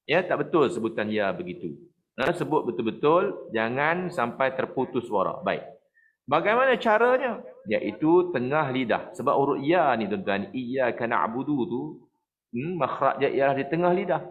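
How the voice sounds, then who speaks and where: A middle-aged man with a Malaysian Malay accent teaching Quran recitation, explaining patiently and chanting verses slowly to demonstrate. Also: medium pitch.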